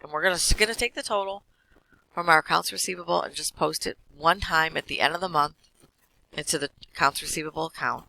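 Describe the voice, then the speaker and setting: A man teaching an accounting class, walking through lecture slides quickly with casual fillers. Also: fairly high pitch, gravelly, pushed and bright, low-quality recording. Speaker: accounting instructor.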